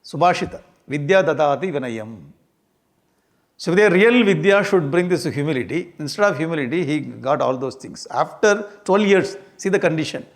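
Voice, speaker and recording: A man with a South Indian accent giving an informal scripture lecture, speaking in an animated, humorous way and repeating key phrases. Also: a little high, normal speed. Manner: animated, repeats phrases, light chuckling humour.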